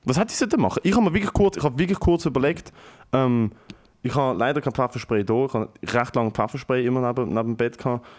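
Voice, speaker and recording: A young man with a Swiss German accent, talking at a middle pitch. He tells an anecdote in a loose, animated way. He swears freely and drops English slang into his sentences. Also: fast talker. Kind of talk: casual storytelling chat.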